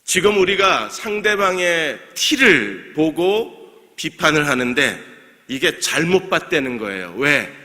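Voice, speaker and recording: The preacher's voice is on the high side, sing-song, slow, bright and forceful as he delivers a midweek sermon in a reverberant church sanctuary. He poses questions to the congregation, answers them himself, and laughs along with them over light jokes.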